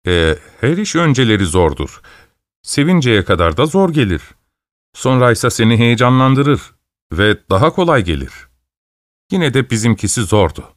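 A man reading the part of a cheerful, proud tunnel worker who talks gently and slowly. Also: medium pitch, very animated, no echo, clean studio sound, close to an everyday voice. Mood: reflective.

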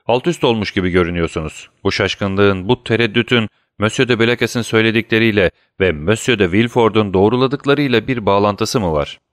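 A man's voice: lowish voice, brisk, few pauses, no room sound, studio quality, lightly acted. A man voicing an aging French king who is imperious and alarmed, questioning his ministers sharply.

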